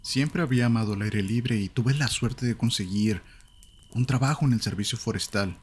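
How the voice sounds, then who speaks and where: A man with a Latin American Spanish accent, telling a horror story in calm, measured scripted narration. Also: mid-range voice, slight background noise.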